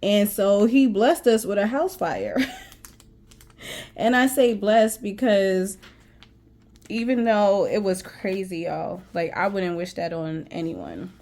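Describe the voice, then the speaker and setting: A woman's voice: medium pitch, slow pace, darkish tone. A woman telling a personal faith story in a casual vlog, emotional and repeating herself as she talks to her viewers. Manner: emotional, repeats herself, often says "y'all". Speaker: faith vlogger.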